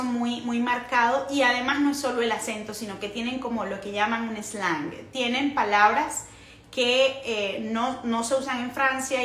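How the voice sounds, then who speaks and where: A woman's voice: on the high side, fairly bright tone. A young Venezuelan woman with a Venezuelan accent talking casually in a vlog, chatty and rambling, often correcting herself mid-sentence. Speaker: missionary vlogger. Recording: roomy echo, faint noise.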